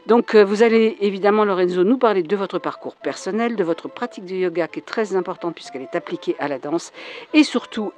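Friendly radio host asking hesitant questions. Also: mid-range voice. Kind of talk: radio interview.

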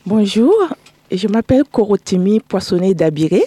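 A woman's voice: medium pitch, animated, normal speed, mellow, no room sound. A middle-aged woman from Burkina Faso, a guest telling her story in a chatty way in a radio studio interview.

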